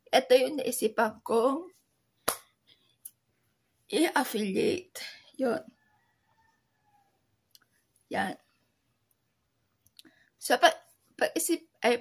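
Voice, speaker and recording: A woman from the Philippines chatting casually as an online seller, with a soft voice that sounds like crying, talking haltingly with many fillers. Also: on the high side, husky. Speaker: online seller sharing tips. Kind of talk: casual vlog talk.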